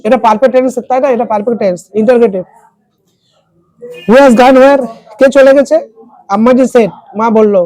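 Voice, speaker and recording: A tutor explaining an English text in Bengali, reading lines slowly and asking students word meanings. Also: female voice, a little high, warm tone, no echo. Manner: asks students questions and repeats word meanings. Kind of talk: classroom lesson explaining a text.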